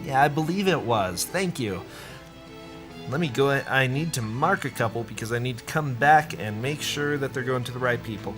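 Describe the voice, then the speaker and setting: A man hosting a charity livestream marathon, reading donor messages aloud in a brisk, upbeat way. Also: mid-range voice, animated, music in the background. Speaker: marathon host reading donations.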